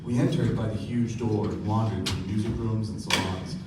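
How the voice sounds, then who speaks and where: Here a man whose voice is on the low side, close to his everyday speech, narrates a radio play as a polite, wry young character, at a moderate pace with fairly even intonation and a measured tone. It comes from a noisy, distant stage recording with heavy echo.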